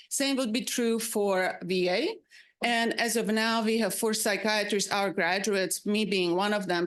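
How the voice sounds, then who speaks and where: A psychiatrist and faculty member from Slovakia with a Slovak accent, giving a measured presentation to an advisory panel with frequent hesitations and restarts. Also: female voice, mid-range voice.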